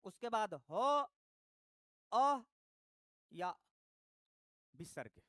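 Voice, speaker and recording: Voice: medium pitch, sing-song, extremely slow, fairly bright tone, no echo. A teacher giving a live online lesson, patiently repeating each point and addressing the students directly. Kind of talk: live online class, explaining grammar.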